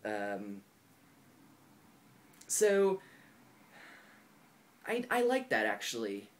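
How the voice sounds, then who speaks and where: Talking extremely slowly, this young man in his twenties has a medium-pitched voice that swoops wildly in pitch. He's a video blogger chatting casually to camera, thoughtful and candid, and his speech is full of "like" and "um."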